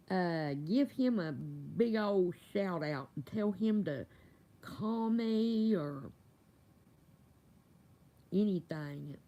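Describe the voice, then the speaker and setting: Casting: middle-aged American woman, mellow voice with gummy, toothless diction, speaking casually and emphatically in a heartfelt appeal. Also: mid-range voice. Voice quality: toothless, slightly slurred articulation. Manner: emphatic, folksy, repeats phrases for stress. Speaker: organ donation advocate speaking as a bereaved mother. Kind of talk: casual emotional plea to camera.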